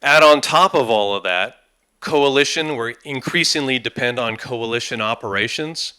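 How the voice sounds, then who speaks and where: Clear, bright-voiced American man, halting presenter. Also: mid-range voice. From United States. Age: 50s. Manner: halting, frequent pauses and repeated words. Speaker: conference speaker, defense industry executive. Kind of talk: formal conference presentation.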